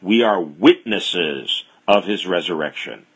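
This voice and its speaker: A man's voice: sits low, expressive, slow, husky. A man preaching an expository sermon, reading scripture aloud with bold, emphatic stress.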